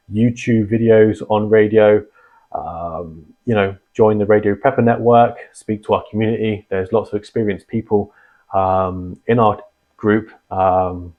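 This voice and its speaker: Heard with phone-quality sound, this lowish male voice belongs to a radio hobby channel host giving viewers a casual explainer. He rambles in an informal way and repeats himself for emphasis.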